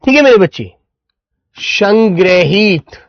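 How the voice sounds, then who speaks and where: A male Hindi teacher giving an online class, slowly dictating words and calling his students "beta" and "my dear children.". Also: sits high, expressive, no echo, highs cut off.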